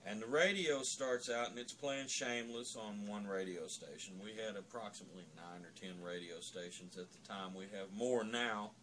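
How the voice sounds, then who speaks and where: A man's voice: lowish voice, normal speed, hardly any pauses, a bit bright, slight background noise. A man giving a drunken, opinionated, profane rant in a rambling storytelling way.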